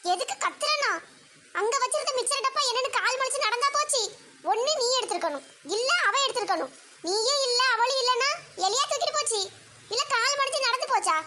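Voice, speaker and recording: A fed-up, nagging mother with a Kanniyakumari accent, played by a woman, firing off sarcastic threats in a very high voice. Steady noise sits clearly behind her. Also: brisk. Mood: scolding. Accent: Kanniyakumari Tamil. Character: exasperated scolding village mother. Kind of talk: comic sketch acting.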